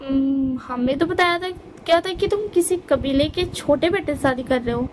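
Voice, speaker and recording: Woman playing gentle caring big sister, soft. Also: sits high, normal speed, slight background noise, close to an everyday voice.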